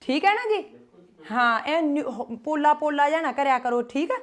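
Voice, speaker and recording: High-voiced woman teaching children Punjabi. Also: expressive. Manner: slow, loud, drawn-out syllables for children to repeat. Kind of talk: call-and-response class teaching. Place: gurdwara classroom.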